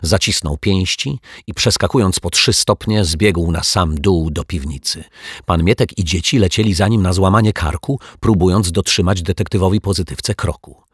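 Man, storybook narrator, deep voice, husky tone, dry close sound. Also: moderate pace, dry recording. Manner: lively, voices characters with pitch shifts. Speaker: audiobook narrator. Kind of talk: children's storybook reading.

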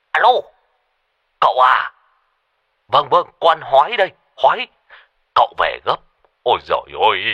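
Man doing a fussy old man with a deep voice. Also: pushed and bright, dry recording, full character voice. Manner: urgent, exclaiming. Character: fussy old male villager on the phone.

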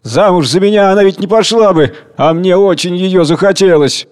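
A man's voice: sits high, moderate pace, darkish tone, clear, resonant tone, voice pushed up, natural voice. A man voicing a sullen, defiant, brutish young male convict in a read-aloud play.

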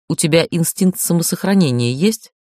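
An audiobook reader voicing a stern, commanding young man, speaking low and clipped. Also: fairly quick, a little mellow, no room sound, clean studio sound, natural voice. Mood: angry. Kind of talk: audiobook character voice.

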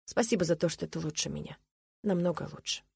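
A woman voicing a remorseful, broken middle-aged husband who speaks tearfully and in a hushed, pleading way. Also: deep voice, fairly even intonation, fairly quick, slightly rough, no room sound, clean studio sound.

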